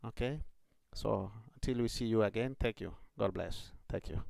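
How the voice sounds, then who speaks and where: A man's voice: fairly low pitch, normal speed, vocal fry, a little mellow, no room sound, clean studio sound. A man who is a priest, speaking earnestly to encourage young people, with many fillers.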